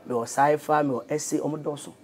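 A Ghanaian man in his thirties with a somewhat high voice and a Ghanaian accent. He talks as an interview guest, joking and laughing often, in a loose, animated conversational tone. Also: a little fast. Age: 30s. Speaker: interview guest, radio presenter and producer. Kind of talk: casual interview chat.

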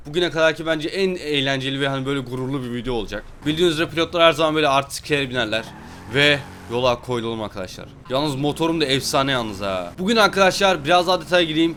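Hyped young man doing fast game commentary. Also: fairly high pitch, fairly bright tone, a little hiss or hum. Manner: hyped, exclamatory, addresses viewers as friends. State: fasting. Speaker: gaming YouTuber. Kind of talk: excited gameplay commentary.

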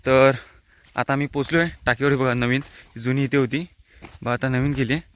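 A man's voice: mid-range voice, fairly even intonation, a little fast. A man from the Konkan region with a Konkani-inflected Marathi accent, chatting casually into a handheld phone as he vlogs outdoors and explains local words to viewers. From Konkan, India. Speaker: vlogger. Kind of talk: casual vlog, walking commentary. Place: outdoors on a hilltop by a water tank.

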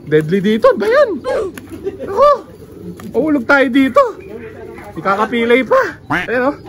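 A man vlogging casually as he walks through a pigeon loft, excited and joking, with frequent exclamations. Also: extremely high pitch, moderate pace, crowd noise. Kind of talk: casual walkthrough vlog. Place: outdoor pigeon loft with birds around.

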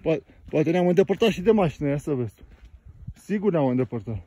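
A man with a high, animated voice chats and jokes on an outdoor hike. His tone is dark and mellow despite the pitch, and he sounds slightly winded. It's loose, playful vlog talk into a handheld camera. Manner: joking, playful banter. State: slightly out of breath. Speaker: vlogger. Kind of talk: casual hiking vlog. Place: outdoors on a canyon trail.

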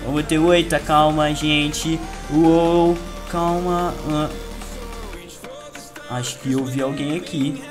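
A man's voice: a little high, fairly even intonation, slow pace. A man with a Brazilian Portuguese accent giving playful, boastful gameplay commentary to his viewers. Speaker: gaming youtuber. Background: loud game music and gunfire.

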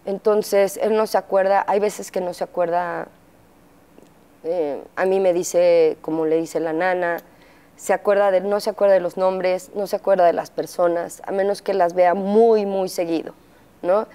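Mellow-voiced Mexican woman recounting, halting. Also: lowish voice, fairly even intonation, clean tone. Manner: halting, frequent fillers, acts out quotes. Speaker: interview guest, mother. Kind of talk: candid interview testimony.

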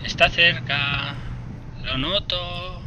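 A man's voice: fairly high pitch, very slow, background noise. A man giving casual, swearing, joking let's-play commentary. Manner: swearing, joking, reacting aloud. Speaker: gameplay commentator.

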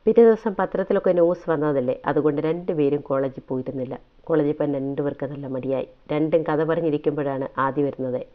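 A man's voice: on the high side, fast talker, few pauses. Brief: a man reading a serialized family story with feeling, lo-fi phone-like audio. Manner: emotive, reflective narration.

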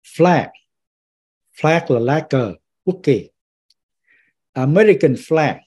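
A man's voice: a little high, lively intonation, drawn-out words, darkish tone, slightly rough. A man teaching a citizenship vocabulary lesson who repeats each English word and then explains it. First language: Vietnamese. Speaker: pastor teaching citizenship class.

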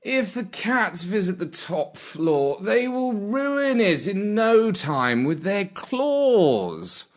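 Narrator doing a pompous old aristocrat cat, slow, superior drawl. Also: medium pitch, sing-song, pitched above the performer's own voice. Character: fat old aristocratic male cat, smug.

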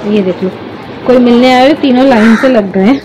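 A woman's voice: fairly high pitch, normal speed, background noise. A woman hosting a casual vlog, playfully cooing and baby-talking to her dogs. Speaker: vlog host. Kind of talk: casual vlog talk to camera and pets.

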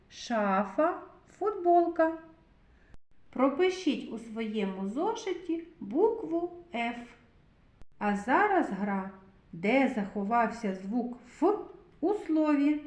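A woman teaching a preschool literacy lesson, slowly sounding out words and letters for young children. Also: a little high, a little mellow. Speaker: kindergarten teacher. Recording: echoey room.

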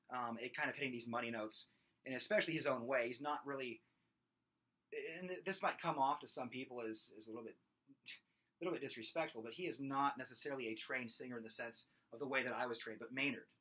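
This singing teacher in his thirties speaks to a webcam at desk distance in a room at home, talking with his hands during a casual lesson and belting high screams as demonstrations. His small, nasal, somewhat whiny voice sounds pushed, bright and husky.

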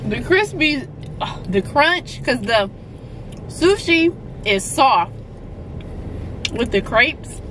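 A woman's voice: sits high, big pitch swings, background noise. A woman co-hosting a food vlog, chatting casually and enthusiastically while tasting a dessert. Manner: enthusiastic, drawn-out delivery. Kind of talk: casual food review chat.

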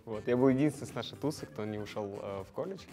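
A young man from Kazakhstan speaks rapid-fire in a medium-pitched voice during a casual studio interview, soft music playing behind him. Wearing a lapel mic in front of a grey backdrop, the show participant is chatty, jokey and animated, laughing at himself.

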